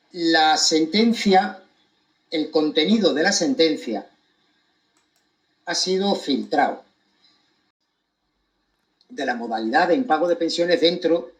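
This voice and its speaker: Speaking to his audience in a monologue, a Spanish-accented commentator from Spain recounts a court case. His slightly high voice is deliberate and emphatic, marking key phrases with pointed pauses, and the audio is poor.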